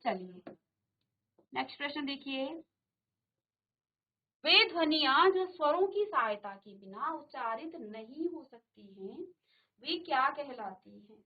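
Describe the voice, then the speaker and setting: Brief: woman teacher, high voice, patient and repetitive, slightly dull studio sound. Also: animated, unhurried, long pauses. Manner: patient, repeats questions and addresses students directly. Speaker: Hindi teacher. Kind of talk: virtual classroom lesson. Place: studio classroom.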